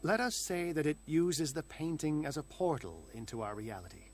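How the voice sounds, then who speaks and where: An actor playing an aloof male occultist in a video game, speaking in a haughty, measured and condescending way. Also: on the high side, big pitch swings. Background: game music.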